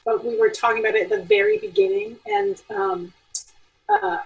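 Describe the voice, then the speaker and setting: Lively high-voiced woman on a video call. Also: moderate pace, creaky, far from the mic, lo-fi sound. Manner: animated, patient, thinks aloud with restarts. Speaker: theatre faculty member. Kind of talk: panel discussion over video call. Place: home attic.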